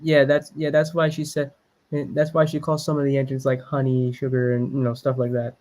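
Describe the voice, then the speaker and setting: A woman's voice: extremely low pitch, monotone, a little fast, darkish tone. A woman giving casual, sarcastic, exasperated reaction commentary while watching a video.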